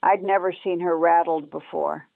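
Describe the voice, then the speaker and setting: On a tinny, dry recording that sounds like archival radio, a former war nurse recounts her memories in first person. Her fairly low voice has vocal fry and fairly even intonation, and she speaks somberly and measuredly in short clauses, with no room sound.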